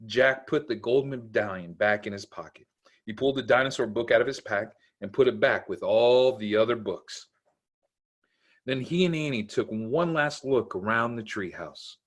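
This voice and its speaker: A man's voice: medium pitch, normal speed. A man narrating a children's storybook aloud, in simple storytelling meant for kids. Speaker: camp executive director reading to children.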